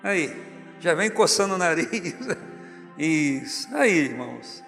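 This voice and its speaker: A man's voice: on the high side, big pitch swings, takes it slowly, a bit bright, long reverb tail, faint music behind. A Brazilian man preaching as pastor, jovial and teasing as he calls church members up to the front. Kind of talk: sermon. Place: large church hall, music underneath.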